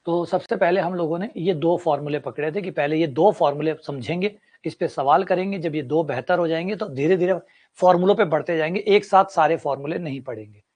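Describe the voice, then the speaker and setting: Higher-pitched man teaching a maths class. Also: a little fast, darkish tone. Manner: explains with everyday examples and repetition. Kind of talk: classroom lecture.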